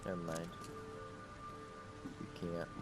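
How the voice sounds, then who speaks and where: A man's voice: low voice, level tone, takes it slowly. A man giving casual, offhand gameplay commentary, thinking aloud as he plays. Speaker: gamer commentating on play. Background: game music.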